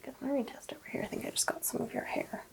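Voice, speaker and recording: A woman whispering softly and calmly as a doctor in an ASMR roleplay exam, giving gentle clinical instructions close to the mic. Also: very fast. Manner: soft, calm, clinical bedside whisper.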